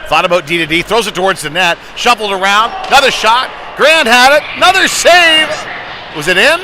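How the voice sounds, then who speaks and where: This man's high-pitched voice is animated and fairly quick as he gives live play-by-play of a youth-league-style hockey game, tracking the puck. He's at an indoor ice rink, and the arena noise clatters and hums in the background.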